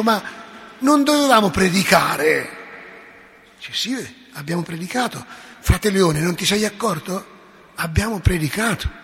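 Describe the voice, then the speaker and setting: A priest giving a sermon, telling stories and acting out the dialogue, with sudden swings from soft to loud. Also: male voice, sits high, long reverb tail. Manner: storytelling, acts out dialogue, emphatic swings in loudness.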